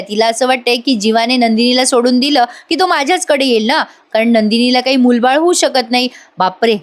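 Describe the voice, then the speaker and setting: A chatty woman with a fairly high, slightly strained voice, recapping a TV serial as a voice-over. She talks straight to her viewers and retells the scenes. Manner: chatty, addresses viewers directly. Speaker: TV serial reviewer. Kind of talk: voice-over episode review.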